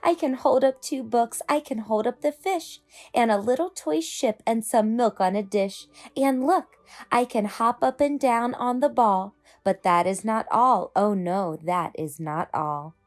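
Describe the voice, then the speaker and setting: A woman's voice: on the high side, a little slow, close to an everyday voice. A woman voicing a playful, boastful, mischievous male cat from a storybook, in a showy, coaxing sing-song.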